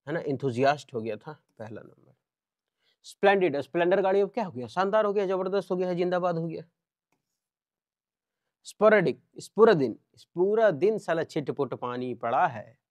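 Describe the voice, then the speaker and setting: Brief: male tutor, lively and repetitive, slightly high voice, dry sound. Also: dry recording. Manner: animated, repetitive, acts out little scenes. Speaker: teacher. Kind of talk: vocabulary lesson with memory tricks.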